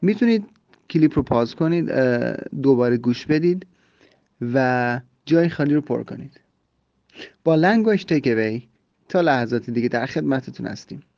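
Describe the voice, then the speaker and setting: A man hosting a podcast English lesson, explaining and repeating phrases slowly so listeners can drill them. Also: mid-range voice, animated, gravelly, no room sound. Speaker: English teacher and podcast host. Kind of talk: language lesson. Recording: slightly dull lo-fi recording.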